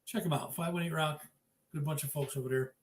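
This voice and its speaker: Un animateur masculin enjoué et bavard, voix assez aiguë, dans une pièce qui résonne. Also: male voice, fairly high pitch, fairly even intonation, fairly quick. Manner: upbeat, chatty, gives shout-outs to viewers. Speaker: podcast host. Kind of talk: live-streamed interview. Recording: echoey room with faint noise.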